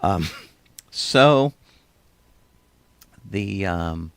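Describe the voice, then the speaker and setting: A man's voice: deep voice, expressive, very slow, a bit bright, clear, resonant tone. A man co-hosting a podcast, chatting casually and telling rambling stories with small chuckles. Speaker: podcast co-host. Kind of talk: casual chat.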